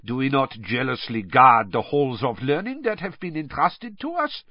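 A man voicing a cold, sly older male headmaster who talks in a smooth, mocking way. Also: mid-range voice, big pitch swings, normal speed, no room sound, lo-fi sound, voice pushed up. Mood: proud. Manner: smooth, mocking, forced laugh.

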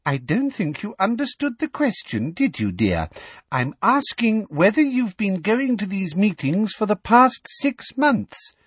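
Sugary mean lady official, guy doing her voice, high and sing-songy, husky edge. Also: very animated, unhurried, fairly bright tone, dry recording, full character voice. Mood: sugary coaxing. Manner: coaxing, falsely sweet. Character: sugary, cruel middle-aged woman official.

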